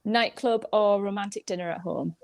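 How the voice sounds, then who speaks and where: A woman co-hosting a casual chat, easygoing and quick to laugh, reading out quick-fire questions. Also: medium pitch. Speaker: podcast co-host.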